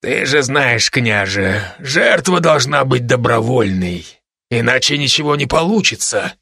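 A man voicing a toy crocodile who acts as a dark sorcerer in a storybook, measured and resigned. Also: mid-range voice, animated, gravelly, exaggerated voice.

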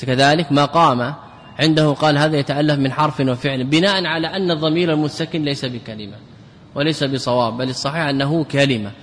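A man's voice: on the high side, quick pace, a bit bright. A man teaching a grammar class, repeating words to drill them and putting questions to his students. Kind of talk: classroom lecture. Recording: lecture hall with long reverb.

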